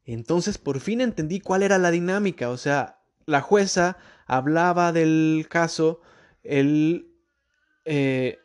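A man, telling a personal story to his listeners in a casual, expressive way with frequent restarts. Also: fairly high pitch, slow pace, smooth. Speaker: podcast host.

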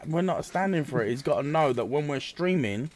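A man's voice: on the high side, lively intonation, fairly quick, darkish tone. A British man hosting a casual podcast, talking bluntly and swearing freely. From Britain. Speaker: podcast host.

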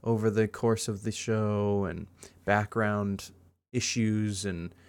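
A man's voice: lowish voice, flat delivery, slow pace, clear, resonant tone. A man co-hosting a podcast in casual chat, rambling enthusiastically with lots of fillers. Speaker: podcast co-host.

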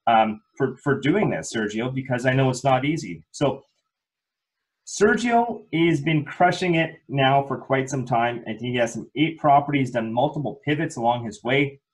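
A man's voice: mid-range voice, animated, normal speed, poor audio. Upbeat chatty male podcast host. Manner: upbeat, chatty, frequent restarts. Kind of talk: casual interview chat.

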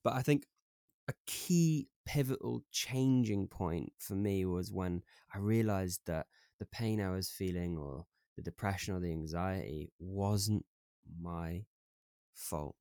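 A young man with a Welsh accent and a lowish voice talks openly about his own life on a podcast. He speaks reflectively, dotted with "like" fillers and stumbling restarts. The sound is dry and close. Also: warm tone, smooth, no room sound. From Wales. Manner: reflective and open, many "like" fillers, halting restarts. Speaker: podcast guest. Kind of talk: candid conversational storytelling.

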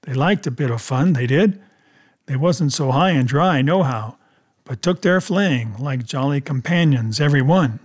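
A male reader acts out a surly pirate coxswain in an adventure audiobook. He growls in rough sailor speech, impatient and rebellious. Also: medium pitch, normal speed, close to an everyday voice. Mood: defiant.

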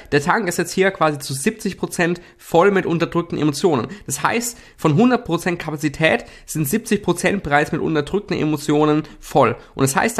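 A young man with a slightly high voice talks casually through a self-help lesson as he sketches. He uses slang, repeats himself and drops fillers. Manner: relaxed, slangy, many fillers and repetitions. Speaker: self-help video host. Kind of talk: casual explanatory talk while drawing slides.

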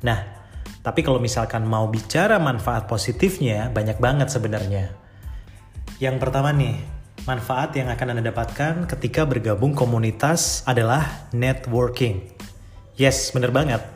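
A man's voice: mid-range voice, normal speed, faint music behind. Chatty male podcast host. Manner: chatty, upbeat, addresses listeners directly. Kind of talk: casual podcast talk.

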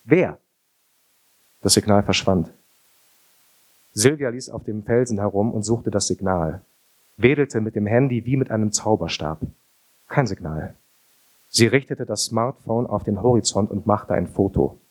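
A man narrating an audiobook in a calm, expressive reading. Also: lowish voice, normal speed, husky. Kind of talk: scripted narration.

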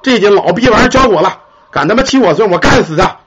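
A man's voice: high voice, animated, fast, noisy background. A man doing a fierce old grandfather ghost. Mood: furious. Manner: swearing, boastful. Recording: dull lo-fi recording.

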